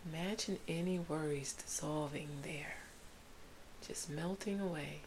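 This is a low-quality recording of a woman whispering softly and soothingly through a guided sleep meditation. She speaks low and very slowly, much like a spa relaxation guide, with a faint hiss running underneath.

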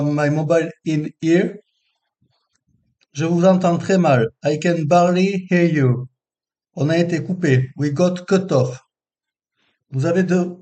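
A man reading a bilingual phone vocabulary list, giving each phrase and then its translation in a deliberate way. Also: fairly high pitch, warm tone. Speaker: language teacher.

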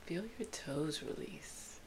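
A woman guiding a sleep meditation in a soft, soothing spa-like whisper. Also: slow. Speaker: meditation guide. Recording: hissy background noise.

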